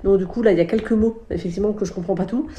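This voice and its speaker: Mellow-voiced woman chatting about books. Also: medium pitch, roomy sound, a little hiss or hum. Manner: chatty and unhurried, often pausing to find words. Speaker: book vlogger. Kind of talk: casual chat about books she is reading.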